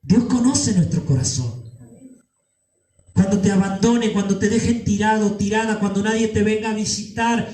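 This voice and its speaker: Pastor, high tenor, fervent sermon delivery, echoey church sound. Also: male voice, normal speed. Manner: fervent, rising to shouts, rhetorical questions.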